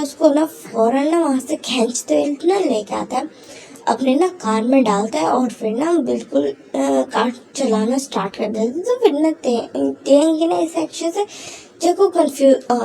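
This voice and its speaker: Here the narrator's voice sits high, with a creaky, mellow quality, captured in a rough recording. She's casually recounting fan fiction, using frequent fillers and quickly voicing every line of dialogue.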